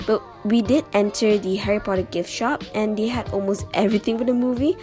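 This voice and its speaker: With music in the background, a Malaysian woman in her 20s narrates her travel vlog in a chatty, playful voice-over. Her medium-pitched voice is steady, fairly quick and a little mellow.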